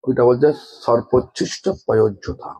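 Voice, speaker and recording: A man's voice: medium pitch, steady tone, brisk, vocal fry, darkish tone, husky, rough recording. A man with a Bengali accent giving a scolding sermon, asking the audience one rhetorical question after another. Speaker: guru giving a religious discourse.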